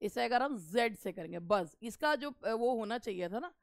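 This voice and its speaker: A woman English teacher running a live online exam-prep class, reading lines slowly and deliberately and playfully scolding her students. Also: fairly high pitch, lively intonation, no room sound, studio quality.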